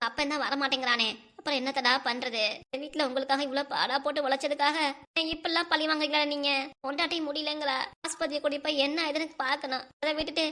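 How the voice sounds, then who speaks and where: A high-voiced cartoon village mother, voiced by a woman, moaning and whining through stomach pain. She complains and scolds her family in a drawn-out, groaning way. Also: fairly even intonation, pushed and bright. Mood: groaning, whiny. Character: ailing middle-aged village mother, complaining. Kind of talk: cartoon voice acting.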